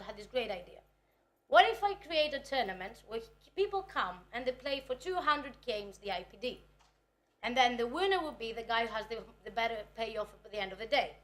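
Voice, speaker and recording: A Greek woman in her twenties, speaking her native Greek, gives a conference talk on her research that comes out nervous, chatty, and self-deprecating. Her voice sits fairly high with a fairly bright tone.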